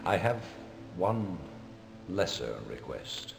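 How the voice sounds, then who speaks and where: A man playing a grave, sorrowful emperor in a video game cutscene, with stilted, theatrical delivery and dramatic pauses. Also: low voice, very animated, vocal fry, music in the background, heavily acted. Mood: solemn. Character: grave ageing emperor, solemn and sorrowful, pleading.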